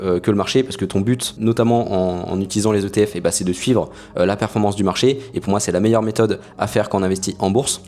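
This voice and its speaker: Fast-talking man, lower voice. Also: a little mellow. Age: young adult. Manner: frequent hesitations with many "euh" fillers. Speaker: finance YouTuber. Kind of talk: casual explanatory talk to camera.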